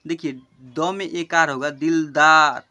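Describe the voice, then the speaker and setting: A man's voice: a little high, fairly even intonation, measured pace, bright, forceful tone. A man teaching children to spell, explaining step by step and often checking that they understood.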